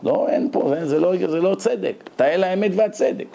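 A man's voice: high voice, creaky, mellow. A man voicing Satan as an indignant male prosecutor arguing his case in a heavenly court. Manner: argumentative, pleading a legal case.

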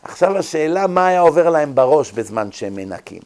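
A man giving a religious ethics lecture. He tells stories vividly and acts out the voices of the people in them. He moves between loud emphasis and quiet asides. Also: on the high side, smooth. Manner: animated storytelling, acting out quoted voices. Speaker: Torah lecturer.

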